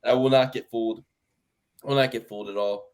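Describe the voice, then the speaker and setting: A man's voice: medium pitch, fairly even intonation, fairly quick, darkish tone. A man co-hosting a sports picks podcast, ranting in casual chat and mocking others with put-on quotes. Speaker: podcast co-host.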